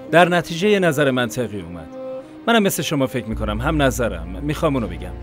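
A man dubbing a calm man who agrees during a tense conversation. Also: medium pitch, music in the background, natural voice. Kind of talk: Persian dub of a TV drama.

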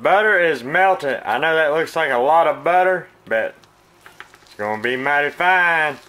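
A man in his thirties with a Southern American accent casually shows viewers how to clean and pan-fry a fish in his home kitchen, filmed on a phone camera. As a cooking channel host he is folksy and relaxed, calling his viewers "guys," with a fairly high voice and an unhurried pace.

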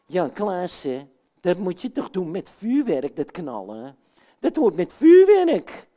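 A woman voicing a grumbling puppet wife with a headache in a children's puppet show, in a shrill, complaining tone. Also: big pitch swings, a little slow, dark tone. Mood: scolding. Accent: Dutch.

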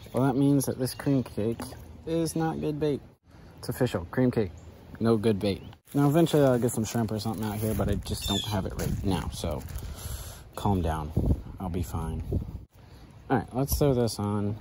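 A laid-back young adult guy fishes outdoors from a backyard dock by a canal, offering casual running commentary as a fishing vlogger, rambling and loose with fillers. His voice is on the low side and warm-toned, with a little hiss or hum in the audio.

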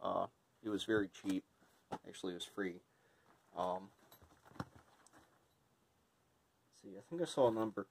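A man's voice: deep voice, measured pace, vocal fry, long pauses, noisy background. A man giving a casual, unscripted hands-on product review, thinking aloud in a hesitant way. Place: indoor room with tiled floor.

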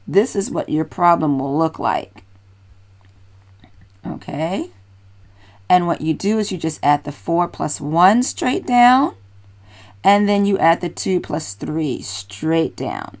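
A woman's voice: lowish voice, darkish tone. A woman teacher patiently explaining a children's math lesson, encouraging and repeating steps.

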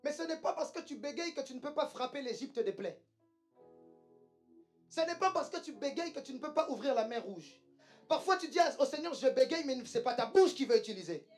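A woman's voice: sits high, expressive, brisk, darkish tone, faint music behind. A woman preaching a sermon with emphasis, repeating lines and calling the congregation to say them back. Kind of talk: church sermon.

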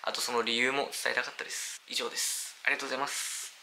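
A man's voice: medium pitch, little pitch movement, rapid-fire, gravelly, pushed and bright, a little hiss or hum. A young man talking unscripted to his viewers, rambling with many fillers, earnest and apologetic. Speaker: YouTuber announcing a hiatus. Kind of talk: unscripted talk to camera.

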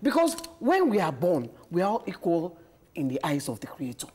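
A middle-aged woman speaks as a guest on a TV panel, her pitch rising and falling a lot. She tells stories emphatically and laughs often, in a casual studio talk. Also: wildly swooping pitch, normal speed, a little mellow, breathy edge. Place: TV studio set.

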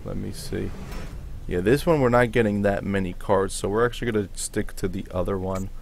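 Guy with a lowish voice chatting casually over a video game, bit of noise behind him. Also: a little fast, vocal fry. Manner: casual, reacting aloud to what appears. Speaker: gaming video host.

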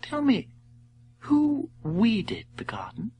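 A man voicing a kind, gentle young princess in a read-aloud story, speaking softly. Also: sits high, wildly swooping pitch, slow pace, a little hiss or hum, voice pushed up, heavily acted.

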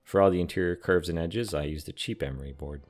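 A young man giving a calm, matter-of-fact scripted voice-over explaining how he builds a large model. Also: sits low, fast. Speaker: scale model and terrain builder. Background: soft background music.

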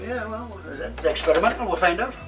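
A middle-aged man makes a meal with his daughter in their home kitchen, chatty and joking as he talks through each step. He speaks fast in a high voice with lively intonation, with background music under him.

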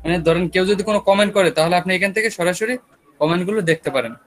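Brisk Bangladeshi man teaching web class. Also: high voice, fairly bright tone, poor audio. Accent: Bangladeshi Bengali. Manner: casual, talks students through screen steps with checking questions. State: sore throat. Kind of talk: online class lecture.

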